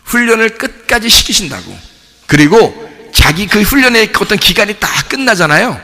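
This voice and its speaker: A male pastor preaching a sermon, telling stories with lively acted-out dialogue. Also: high-pitched, moderate pace. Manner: animated storytelling, acting out dialogue. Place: church sanctuary. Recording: long church hall reverb.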